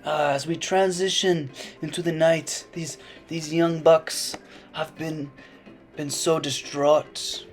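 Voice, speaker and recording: A young man narrates a parody wildlife film in a hushed, mock-solemn tone. He takes his time over every phrase, and his voice sits a little high. Guitar music plays clearly underneath. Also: flat delivery, slow. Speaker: student narrator of a parody nature documentary. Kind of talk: mock nature documentary narration.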